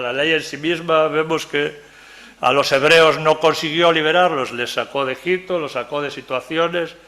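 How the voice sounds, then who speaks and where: Gravelly older preacher. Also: male voice, mid-range voice, bright, forceful tone. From Galicia, Spain. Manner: conversational, keeps asking "¿verdad?", jokes with the audience. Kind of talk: Bible study sermon. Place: church meeting room.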